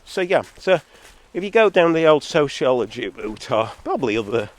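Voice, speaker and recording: At a moderate pace with big pitch swings, a stuffed-up man rambles argumentatively through a vlog monologue, dropping sardonic asides. Born in Zambia, he lives in England and films solo on a phone or camera whose too-high recording level causes distortion and clipping.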